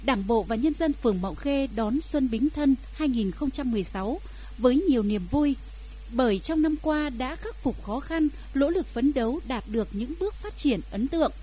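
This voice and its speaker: Husky-voiced Northern Vietnamese woman newsreader. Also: sits high, animated, moderate pace, warm tone, poor audio. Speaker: local radio news presenter. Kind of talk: formal scripted news narration.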